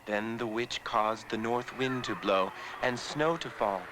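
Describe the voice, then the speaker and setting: A man narrating a scripted fairy tale as a measured storyteller. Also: mid-range voice, fairly bright tone, slight background noise, low-quality recording.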